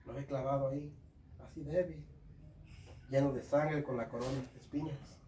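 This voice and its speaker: A man's voice: mid-range voice, steady tone, moderate pace, mellow, slight background noise. A man preaching a fervent sermon at a home service, often calling his listeners brothers. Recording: echoey room, from far off, faint ambience.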